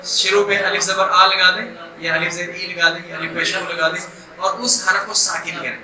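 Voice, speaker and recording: A middle-aged man, teaching Quran recitation and stretching sounds slowly to demonstrate them. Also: high-pitched, fairly even intonation, a crowd in the background. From Pakistan. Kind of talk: recitation lesson. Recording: echoey room, distant mic, faint noise.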